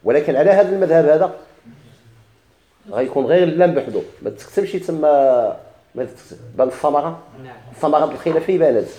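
Moroccan male teacher, raised pitch, mellow tone, quizzes and answers himself. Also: expressive, echoey room. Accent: Moroccan Arabic. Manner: asks questions and answers them himself; repeats key words slowly for emphasis. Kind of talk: grammar lesson in dialect.

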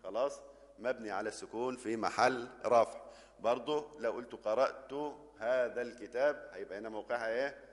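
An Egyptian man gives a grammar lesson in a classroom style, walking through each example step by step. His voice sits at an ordinary middle pitch. A long reverb from a large room trails after his words. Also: fast talker. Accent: Egyptian Arabic. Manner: explains step by step, keeps checking with the class. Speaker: Arabic grammar teacher.

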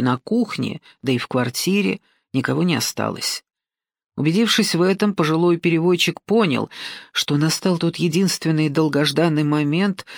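A woman's voice: sits low, dry recording. Woman narrating an audiobook, dry close sound.

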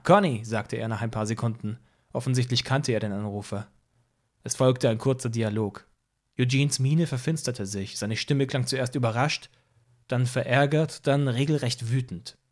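A male audiobook narrator with a mid-pitched voice. He tells the story in a calm, even way, in the first person. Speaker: audiobook reader.

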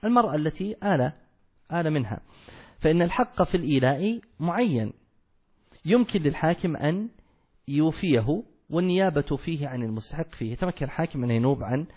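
Male sheikh, husky voice, measured lesson delivery, poses questions then answers them. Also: a little high, animated, a little mellow. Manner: explains step by step, asks and answers his own questions. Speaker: sheikh teaching a fiqh text. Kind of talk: classical Arabic study lesson.

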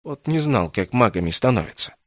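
A man's voice: medium pitch, animated, fairly quick, no room sound, close to an everyday voice. Male reader doing a cocky, defiant young prisoner; sarcastic, dry. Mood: mocking. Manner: insolent, mocking, defiant. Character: defiant young male captive, mocking and stubborn. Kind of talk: audiobook character reading.

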